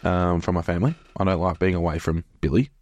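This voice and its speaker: A man's voice: sits low, steady tone, fast talker, a little mellow, dry recording. A man with a broad Australian accent chatting casually on a podcast as co-host, blokey and full of informal slang. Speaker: business owner and podcast co-host. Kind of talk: casual conversational podcast chat.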